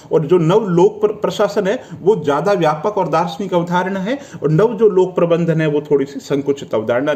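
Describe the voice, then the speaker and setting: A man with a lilt leads an exam-prep lecture in a slightly high, mellow voice. He works through each point by asking a question and answering it himself. Now and then he tells the class to learn a definition by heart. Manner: addresses students as friends, tells them to memorize. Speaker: exam coaching teacher.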